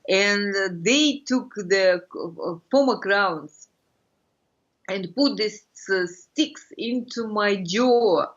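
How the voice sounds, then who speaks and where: A middle-aged woman from Russia with a Russian accent, explaining things as an interview guest in halting, fragmented phrases, searching for words. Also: medium pitch, expressive, fairly bright tone. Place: furnished room indoors. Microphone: video call computer microphone. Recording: muffled lo-fi video-call audio.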